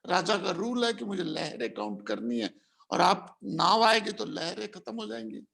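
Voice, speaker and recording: A man's voice: high voice, very animated, moderate pace, creaky, fairly bright tone, full character voice. A male teacher briefly voicing a crafty, bribe-taking court clerk who officiously justifies himself, within a told folk tale. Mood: self-justifying.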